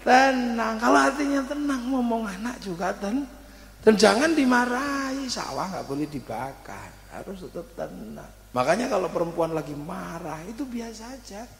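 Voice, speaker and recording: Lively man preaching comically. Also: high-pitched, moderate pace, gravelly, a crowd in the background. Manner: animated comic storytelling with audience laughter. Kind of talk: humorous religious sermon. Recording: echoey hall with long reverb.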